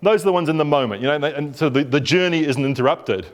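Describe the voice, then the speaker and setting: A middle-aged couples therapist with a New Zealand accent speaks informally to a workshop group. His voice sits slightly higher than most men's. He talks in a relaxed, rambling way, restarting phrases and often checking in with the room. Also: fast talker. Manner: conversational, lots of fillers and restarts, checks in with listeners.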